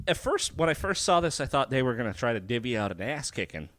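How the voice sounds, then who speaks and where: A fast-talking man with a mid-range voice co-hosts a film podcast in a loose, lively exchange, swearing a lot and often restarting what he's saying.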